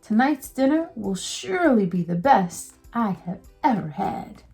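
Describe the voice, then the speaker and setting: Kind, welcoming storybook cook, read by a woman; mellow, unhurried. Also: on the high side, big pitch swings, faint music behind. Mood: gentle. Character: kind, generous grown woman who cooks.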